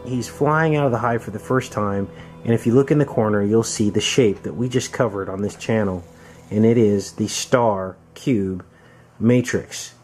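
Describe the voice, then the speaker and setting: Over loud background music, a conspiracy-video host and narrator speaks to his audience, earnestly explaining film clips. He has a lowish voice and moves at a moderate pace.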